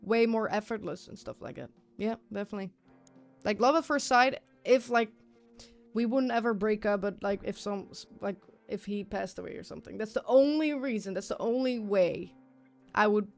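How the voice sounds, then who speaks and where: A woman's voice: mid-range voice, normal speed, vocal fry, darkish tone. A woman chatting casually on a livestream, rambling and repeating herself in an informal, sweary way. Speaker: live streamer. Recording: music playing behind the voice. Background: music.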